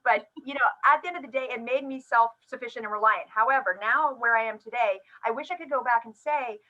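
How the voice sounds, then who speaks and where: A woman hosting a podcast, chatty and fond of self-deprecating stories. Her voice is bright and sits a little high. The audio is slightly dull and lo-fi. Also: fast. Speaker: podcast host. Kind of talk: conversational interview.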